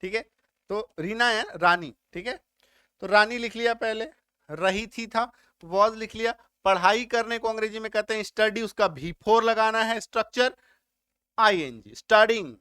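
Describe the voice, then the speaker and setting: A man's voice: sits high, normal speed, sharp tone, clean tone, no room sound, studio quality. A man teaching English grammar step by step, often stopping to check whether his students have understood. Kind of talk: spoken grammar lesson.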